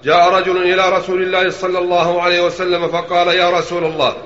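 A man reading hadith texts aloud to a teacher in a formal, brisk recitation. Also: sits high, monotone, a bit bright. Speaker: student reading a text aloud. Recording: echoey room, dull lo-fi recording.

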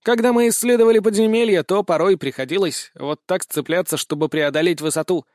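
A man's voice: high-pitched, brisk, a little mellow, dry recording, studio quality, pitched above the performer's own voice, natural voice. A man voicing a dutiful male rat spirit who leads a squad, speaking respectfully in an audiobook. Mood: proud.

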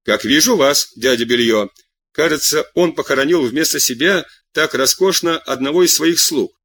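A man voicing an eager, excitable young man who tells his news breathlessly and humbly. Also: fairly high pitch, moderate pace, dry recording. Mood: excited.

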